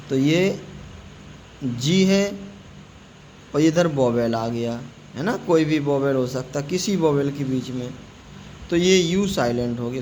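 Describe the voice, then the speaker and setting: A man teaching English pronunciation, slowly spelling out words letter by letter and repeating them. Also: on the high side, a little mellow, a little hiss or hum, rough recording. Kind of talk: spoken classroom-style lesson.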